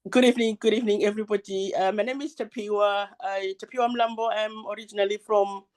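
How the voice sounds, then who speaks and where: A woman's voice: mid-range voice, fairly even intonation, fast talker, a little mellow. A woman speaking over a video call, hesitant, with many fillers. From Zimbabwe. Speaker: nurse sharing a testimonial.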